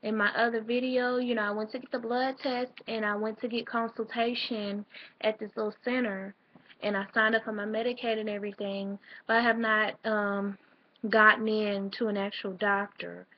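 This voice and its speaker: A woman's voice: mid-range voice, flat delivery, moderate pace, lo-fi sound. A young woman, rambling casually in a late-night vlog, a little out of breath. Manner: rambling, chatty, with fillers and restarts. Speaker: vlogger.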